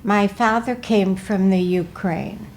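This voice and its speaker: A woman in her eighties from Wisconsin, recalling her life in a slow, careful, measured way during an interview. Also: medium pitch, fairly even intonation, a little mellow, slight background noise. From Milwaukee, Wisconsin. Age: 80s. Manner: slow, careful, measured recollection, often asking to repeat. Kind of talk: recorded life-story interview.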